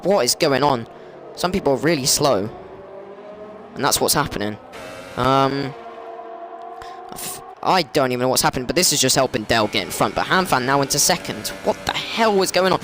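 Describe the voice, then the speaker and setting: At a moderate pace and over a noisy background, a man narrates an online racing league event. His delivery is excitable and rambling, he often corrects himself, and his pitch jumps up during crashes.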